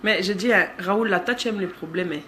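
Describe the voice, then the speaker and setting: A woman in her thirties with a Cameroonian accent hosts a casual live stream, reading out comments and greeting viewers by name. She talks in a lively, teasing way at a middle pitch. Faint background noise sits under her phone recording. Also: brisk.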